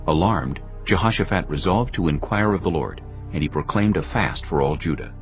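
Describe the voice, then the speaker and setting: A male narrator with a very deep voice reads scripture in a measured, storytelling style, his intonation lively and moving expressively through its range. The recording is slightly muffled, with faint music underneath.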